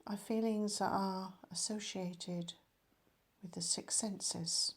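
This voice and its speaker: A meditation teacher guides a session in a mid-range voice, calm and measured, letting each phrase trail off softly.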